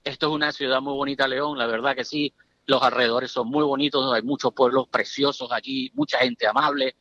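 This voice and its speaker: Bright-voiced chatty Venezuelan-born man. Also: medium pitch, expressive, a little fast, creaky, muffled recording. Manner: chatty, emphatic storyteller. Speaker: guest. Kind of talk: casual interview chat.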